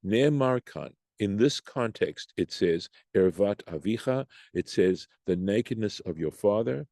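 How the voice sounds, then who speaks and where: A man with a low, mellow voice leads a study class, reading short phrases from the text and then explaining them at an unhurried pace. He thinks aloud with restarts and climbs higher when he poses the debate's questions. The sound is dry and close, as on a video call. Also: animated, vocal fry, no echo. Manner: rises in pitch when voicing the Talmud's questions. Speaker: Torah study teacher.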